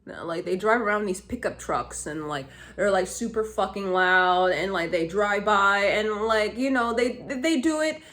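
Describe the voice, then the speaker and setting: A woman's voice: medium pitch, measured pace, few pauses, fairly bright tone. A woman vlogging to camera in a heated, rambling rant, swearing often and restarting her sentences. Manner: rambling, profane, heated, many fillers and restarts.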